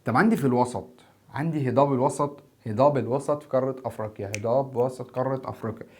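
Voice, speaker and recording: A man's voice: mid-range voice, racing. A tired man teaching a geography lesson in Egyptian Arabic, repeating key terms and asking and answering his own questions. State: tired, filming at four in the morning. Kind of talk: exam-prep geography lesson. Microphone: standing before a camera.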